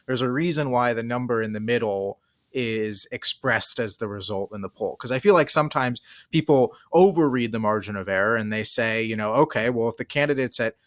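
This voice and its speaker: A man's voice: lowish voice, brisk, dry recording. A man hosting a political podcast, talking conversationally, thinking aloud and repeating words as he asks questions. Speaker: podcast host.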